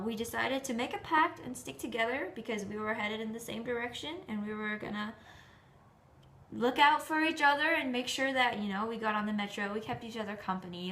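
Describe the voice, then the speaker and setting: A woman's voice: medium pitch, fairly bright tone, slight background noise. A young woman vlogging from her apartment, telling a travel story in a chatty, enthusiastic way. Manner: chatty and enthusiastic, full of "like" and "you know". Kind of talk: casual travel storytelling to camera.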